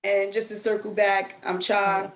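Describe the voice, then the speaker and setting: A woman hosting a virtual wine tasting, chatting in a relaxed way with fillers over a video call. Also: medium pitch, a little slow. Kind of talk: casual video call chat. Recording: echoey room on a video call.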